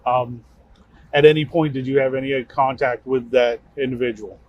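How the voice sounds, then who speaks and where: A man, an investigator, asking calm and methodical questions in a recorded interview. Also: mid-range voice, normal speed. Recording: dull archive recording with faint background noise.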